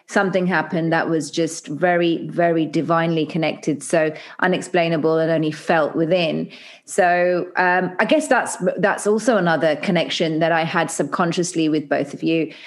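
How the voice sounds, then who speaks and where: A woman guest in a casual conversation, talking in an animated, chatty way and acting out little quotes. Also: deep voice, moderate pace. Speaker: podcast guest.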